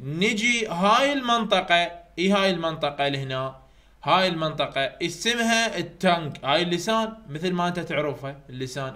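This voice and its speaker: A man with an Iraqi Arabic accent giving an online university lecture, repeating key points slowly to drill his students. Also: a little high, sharp tone. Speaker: university English tutor. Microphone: computer mic over weak internet.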